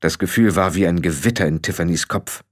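Ein Mann liest ein Hörbuch lebhaft und ausdrucksvoll vor. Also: male voice, low voice, fairly quick, no echo, studio quality. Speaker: audiobook narrator. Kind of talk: scripted narration.

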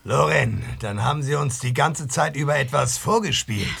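A man acting a flustered, halting male character who repeats himself in an audio drama. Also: mid-range voice, gravelly, fairly bright tone, husky, exaggerated voice. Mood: astonished.

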